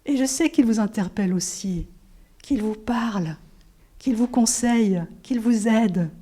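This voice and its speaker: A middle-aged woman preaching in a church, telling her testimony with lively storyteller energy. Her voice is warm and mellow, dipping into near-whispers and climbing into bright exclamations. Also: on the high side, unhurried. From Switzerland. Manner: animated storytelling, drops to whispers and rises to exclamations. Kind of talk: sermon with personal testimony.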